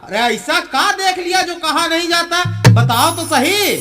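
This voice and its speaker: A woman's voice: very high-pitched, expressive, a little slow, over music. A woman playing an easygoing middle-aged village father who drawls and grumbles in a rural film. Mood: puzzled. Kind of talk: rural Hindi film acting.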